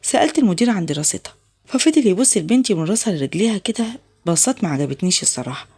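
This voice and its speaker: Egyptian woman narrator, husky voice, races through a first-person family story at a steady clip. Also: on the low side, racing. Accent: Egyptian Arabic.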